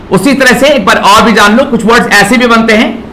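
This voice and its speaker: Slow-spoken teacher in an echoey classroom. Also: male voice, very high-pitched, bright, forceful tone. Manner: spells words letter by letter, calls students beta. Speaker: English grammar teacher. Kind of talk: classroom grammar lecture. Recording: echoey classroom, faint background noise.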